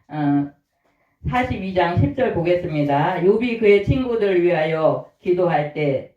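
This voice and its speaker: A man's voice: high voice, darkish tone. A male pastor preaching to his congregation, often asking questions and answering them himself. He is picked up from a distance in a large, echoing church room. The recording sounds dull and muffled. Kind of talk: sermon. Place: church sanctuary.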